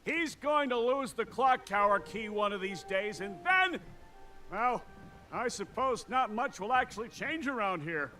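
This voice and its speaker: A man's voice: high-pitched, animated, unhurried, sharp tone, soft background music, exaggerated voice. An actor playing a salty, cheeky pirate townsman in a video game, gossiping in a theatrical, folksy, wry way. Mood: wry, helpful. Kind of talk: video game character dialogue.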